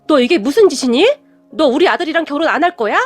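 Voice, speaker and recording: A woman's voice: high-pitched, animated, fast talker, no room sound, soft background music. A woman playing a whiny, vain middle-aged mother. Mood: shrill. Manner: whining and petulant.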